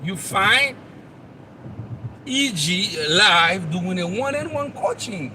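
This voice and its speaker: Out on the road with heavy traffic roaring nearby, a channel host and motivational coach from Haiti talks live, sounding distant from the mic. His high, accented voice is expressive and slow as he addresses the listener directly and earnestly repeats himself.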